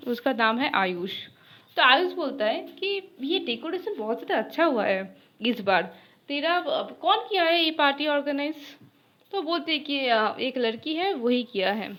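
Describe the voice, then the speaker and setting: A woman's voice: sits high, fairly bright tone. A woman casually retelling a romance story, acting out each character's lines loosely in her own voice, with many fillers and restarts.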